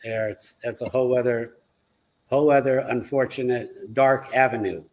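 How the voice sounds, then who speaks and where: A man talks earnestly as a guest on a live online chat show. His voice sits in an ordinary middle pitch, and he speaks in an easy, conversational way. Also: steady tone, moderate pace.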